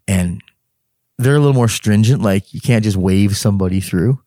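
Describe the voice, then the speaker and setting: Low-voiced man telling an animated story. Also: normal speed, dry recording, clean studio sound. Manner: animated, acts out dialogue, laughs mid-sentence. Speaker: guest telling a personal story. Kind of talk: casual spoken storytelling.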